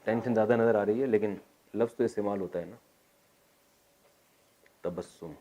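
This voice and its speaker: A man with a Pakistani accent teaches a classroom lecture on Arabic grammar for the Quran. He spells out word forms slowly and deliberately, then slips into quick, joking asides to his students. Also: lowish voice, warm tone, muffled recording. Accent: Pakistani Urdu. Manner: jokes with students.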